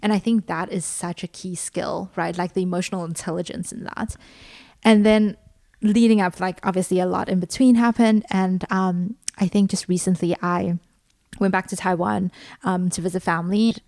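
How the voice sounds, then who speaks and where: A woman's voice: lowish voice, fairly even intonation, moderate pace, a little mellow, no echo, studio quality. A young woman from South Africa, co-hosting a podcast and telling a personal story in a chatty way, full of "like" and "um". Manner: chatty, many fillers like "like" and "um". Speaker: podcast co-host. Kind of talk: casual conversational storytelling.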